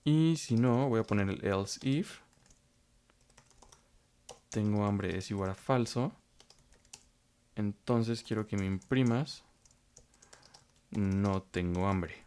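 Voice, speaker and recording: Speaking slowly with long pauses, this programming instructor has a low, darkish, clean voice. In his screen-recorded coding tutorial he breaks things down step by step, often repeating phrases and leaning on fillers.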